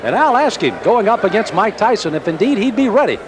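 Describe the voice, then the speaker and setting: High-voiced American male boxing commentator. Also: sing-song, a little fast. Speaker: sportscaster. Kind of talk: live boxing play-by-play commentary. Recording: broadcast over loud crowd and noise. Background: arena crowd.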